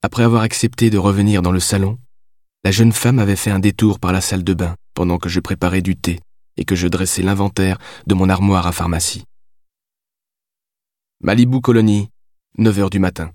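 Low-voiced male audiobook narrator. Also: darkish tone, dry recording, studio quality. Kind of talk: scripted narration.

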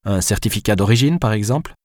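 A man's voice: lowish voice, expressive, fast, a little mellow, no room sound, clean studio sound, close to an everyday voice. A man voicing a prim, fussy young male pawnbroker who speaks in a polite, businesslike way.

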